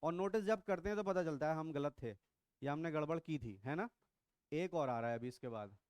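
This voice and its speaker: Middle-aged male biology teacher, high smooth voice, playful and quizzing. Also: a little fast, a little mellow, no echo. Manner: teasing, quizzing students, mixes English into Hindi. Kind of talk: classroom lecture. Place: classroom.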